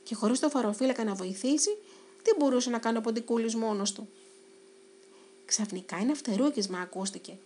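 A woman narrating a children's storybook in an expressive, dramatic way. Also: on the high side, slight background noise.

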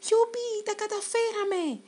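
A woman voicing a small, timid but brave male mouse in a storybook, urgent and squeaky. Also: expressive, darkish tone. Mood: overjoyed. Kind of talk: storybook reading.

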